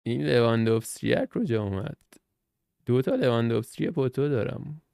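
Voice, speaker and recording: A man's voice: medium pitch, lively intonation, vocal fry, a little mellow, clear, resonant tone, no echo, studio quality. A young man from Iran hosting a gaming channel, chatting casually and thinking aloud as he reacts to the cards he opens. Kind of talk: casual gameplay commentary.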